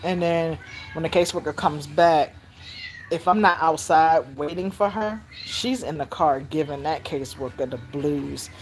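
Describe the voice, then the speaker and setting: An older woman, telling stories about raising her granddaughter in a casual, animated way, jumping into high squeals when she acts out voices. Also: a little slow, a little hiss or hum. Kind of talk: casual storytelling vlog.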